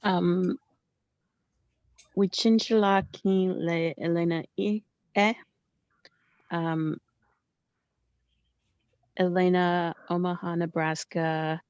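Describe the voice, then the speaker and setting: A woman student haltingly retelling a short story in a language class. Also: lowish voice, fairly even intonation, darkish tone, no echo. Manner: hesitant, halting. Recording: dull lo-fi sound.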